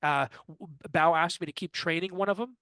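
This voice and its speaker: There's no echo on this fairly quick, clean, slightly high male voice. The man, in his fifties and a guest on an interview, relates a long story from his own life, vividly acting out the quoted lines of others.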